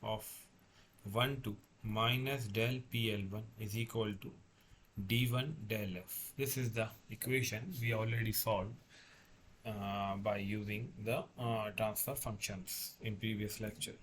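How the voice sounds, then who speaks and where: A man lecturing as a tutor, working through a problem step by step in a halting way, repeating and correcting himself. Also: fairly low pitch, fairly even intonation, a bit bright, slight background noise. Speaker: engineering tutor.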